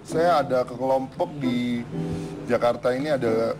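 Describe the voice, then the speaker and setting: A man's voice: mid-range voice, unhurried, over loud music. A man who breeds chickens, a guest on a talk show giving short, plain, somewhat hesitant answers. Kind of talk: interview answers.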